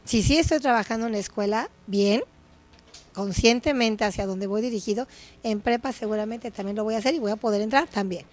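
A woman's voice: on the high side, a little fast. A woman with a Mexican accent, a guest psychologist on an educational TV show, talking in a teaching way and often checking in with her listeners. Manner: didactic, checks in with tag questions. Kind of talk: educational TV talk.

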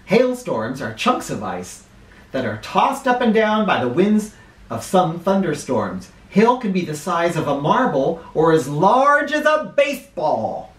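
In a small living room, a middle-aged American man with a slightly high voice reads a children's picture book aloud and hosts with spoken asides. His delivery is expressive and dramatic, with deliberate emphasis, and the recording sounds roomy and echoey.

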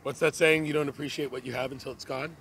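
A man's voice: mid-range voice, steady tone, fast talker, gravelly, fairly bright tone, a little hiss or hum. A man in his thirties answering a street interviewer outdoors, talking emphatically and exclaiming into a handheld mic. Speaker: passerby interviewee. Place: outdoor city street with cafes.

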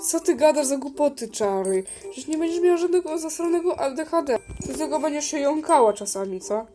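A woman plays a blunt adult teacher figure in a toy-pet video drama, bossy and crude, who swears freely and trips over her own words. Her voice sits a touch high for a woman. A little music plays faintly behind her. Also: expressive, fairly quick, dark tone. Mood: scolding.

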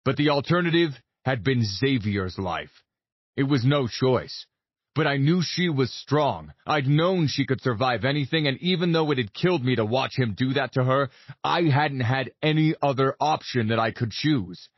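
A man's voice: medium pitch, animated, moderate pace, breathy edge, no echo, muffled recording. A man narrating a romantic fantasy audiobook in the first person with an intense, brooding delivery.

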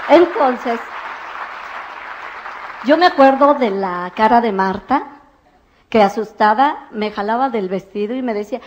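Woman, animated motivational speaker, acts out dialogue, fairly high voice, dull lo-fi sound. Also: measured pace, long pauses, crowd noise, background noise. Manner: animated storyteller acting out dialogue. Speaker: speaker at a business convention. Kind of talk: motivational talk with stories. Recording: muffled lo-fi recording.

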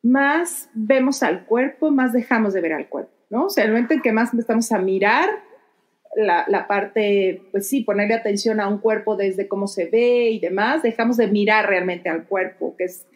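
A woman's voice: medium pitch, moderate pace. Thoughtful woman podcast host. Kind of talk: casual podcast conversation.

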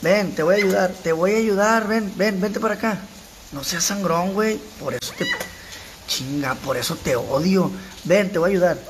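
A man's voice: high-pitched, moderate pace, a little hiss or hum. A young man with a Sinaloan Mexican accent, vlogging casually at home with a sore throat and talking crudely but kindly to stray cats. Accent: Sinaloan Mexican Spanish. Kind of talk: casual vlog chat. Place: house at home during rain.

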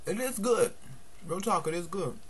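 A man's voice: high-pitched, expressive, moderate pace, husky. A man giving a casual taste-test review while chewing, speaking bluntly and plainly from his home computer desk. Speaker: food reviewer.

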